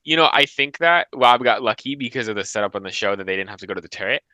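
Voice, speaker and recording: A man's voice: lowish voice, lively intonation, fast, sharp tone, no room sound. A man co-hosting a podcast, chatting casually about a reality show and often restarting his sentences as he hedges his opinions. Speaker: podcast co-host. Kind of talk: casual chat reviewing reality TV.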